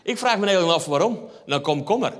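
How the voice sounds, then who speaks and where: High-voiced Flemish man doing stand-up. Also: animated, quick pace. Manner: wry, storytelling, addresses the audience. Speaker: stand-up comedian. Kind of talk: stand-up routine. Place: theatre hall on stage. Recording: reverberant live hall.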